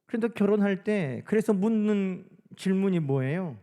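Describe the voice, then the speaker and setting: A man preaches a sermon in a relaxed, talking style and keeps turning to his listeners with questions. His voice sits somewhat high for a man, with a warm, dark timbre. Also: normal speed. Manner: conversational, full of rhetorical questions. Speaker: pastor.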